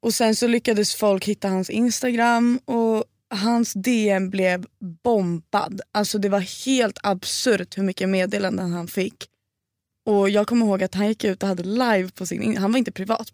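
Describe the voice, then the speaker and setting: A young woman in her twenties, a podcast guest, telling a story in animated casual chat and swearing freely. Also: mid-range voice, no echo, studio quality.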